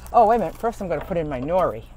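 Man, van-life vlogger, higher register, loose rambling delivery with fillers; faint vehicle noise behind. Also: big pitch swings, rapid-fire, dark tone, rough recording. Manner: rambling, chatty, many fillers and restarts. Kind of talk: casual chat to camera. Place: parked van at a rest stop.

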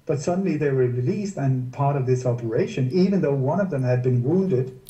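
Dark, distant man in casual interview. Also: medium pitch, lively intonation, a little fast, highs cut off. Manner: sarcastic rhetorical questions. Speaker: guest researcher. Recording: distant roomy mic.

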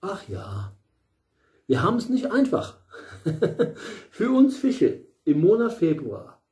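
A man's voice: high voice, wildly swooping pitch, slow, warm tone. A middle-aged man giving a casual tarot reading at home, rambling with many fillers and restarts and the odd blunt aside. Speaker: tarot reader. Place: small room at home, in front of a bright window.

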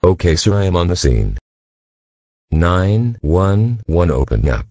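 A young man putting on a low, drawling voice to play a gruff male police officer. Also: very animated, measured pace, warm tone, no room sound, muffled recording, full character voice.

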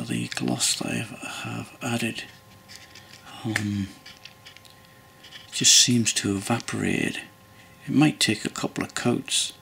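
A man's voice: medium pitch, gravelly, fairly bright tone, slight background noise. A man casually narrating a model-building tutorial at his workbench, rambling and hesitant with many ums and restarts. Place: hobby workbench indoors.

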